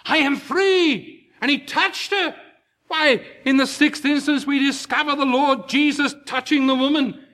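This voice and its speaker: A man preaching a sermon to his congregation, slow and emphatic, rising into impassioned peaks. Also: extremely high pitch, steady tone, pushed and bright.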